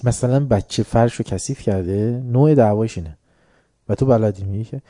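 A man's voice: lowish voice, dark tone, dry recording, clean studio sound. A man giving an informal religious talk to an audience, conversational and joking, often mimicking other people's voices. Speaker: religious lecturer.

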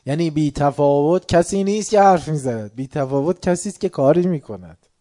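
A man giving a religious lecture, swinging between soft asides and loud, heated outbursts. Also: fairly high pitch. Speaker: preacher.

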